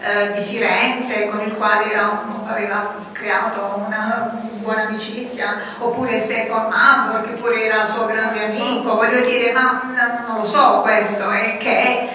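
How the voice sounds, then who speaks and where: A woman author speaking hesitantly at a book presentation, pausing often with fillers. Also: on the high side, level tone, pushed and bright. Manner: hesitant, many fillers and pauses. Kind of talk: hesitant public talk. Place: large lecture hall. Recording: echoey hall, distant mic, faint noise.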